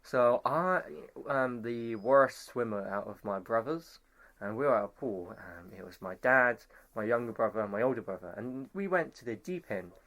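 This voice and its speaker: A young man, telling lively stories in a casual chat and acting out the people in them. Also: mid-range voice, moderate pace. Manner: animated storyteller, voices others in quotes, laughs through tales. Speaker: podcast co-host.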